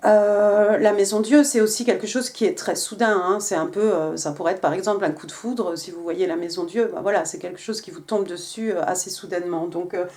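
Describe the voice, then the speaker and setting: A woman's voice: medium pitch, steady tone, fairly quick, hardly any pauses, a little mellow. A woman giving a casual tarot reading, talking with many hesitations and restarts. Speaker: tarot reader.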